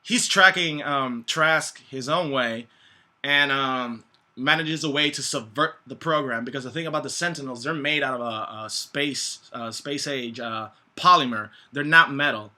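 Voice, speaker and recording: A man giving a casual, rambling movie review in slangy, profane language, often halting and groping for words. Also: medium pitch, pushed and bright. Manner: halting, groping for words with many false starts.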